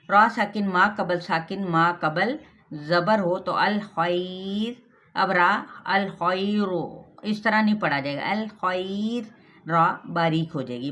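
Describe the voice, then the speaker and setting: A woman with a Pakistani Urdu accent gives a tajweed lesson with recitation, teaching the rules of Quran recitation. She explains patiently step by step and drills each sound slowly. Her voice is fairly low in pitch and a bit bright.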